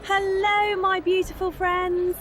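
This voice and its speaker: Woman acting a high-pitched, drunken young woman. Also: lively intonation, measured pace. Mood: tipsy cheer. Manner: drunken, slurring, stumbling speech. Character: tipsy heartbroken young woman student, drowning betrayal in butterbeer. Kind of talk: audio drama acting.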